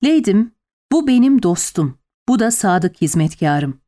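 A woman voicing a tired, calm nobleman who speaks low and patiently in an audiobook. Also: unhurried. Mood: weary.

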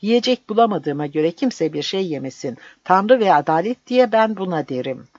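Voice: medium pitch, lively intonation, moderate pace, a little mellow, dry recording, lo-fi sound, lightly acted. A reader voicing a hungry, envious village muleteer who grumbles at everyone. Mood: grumbling. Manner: grumbling, gleeful.

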